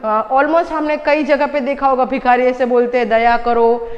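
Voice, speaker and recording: A woman's voice: high-pitched, fairly even intonation, normal speed, in a large hall, dull audio. A woman teacher explaining a storybook lesson to young children, patiently translating each line and asking the class questions. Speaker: school teacher.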